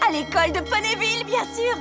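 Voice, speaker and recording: A woman voicing an earnest, eager young female pony in an animated cartoon dub, speaking expressively. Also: very high-pitched, fast, loud music behind the voice. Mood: excited.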